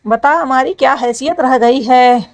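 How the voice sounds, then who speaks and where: A woman's voice: sits high, measured pace. A woman voicing a sore, whiny young male college student who complains and scolds his friend. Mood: aggrieved.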